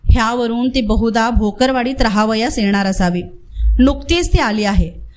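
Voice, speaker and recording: A woman narrating a village story aloud in a lively, expressive reading. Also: fairly high pitch, slight background noise.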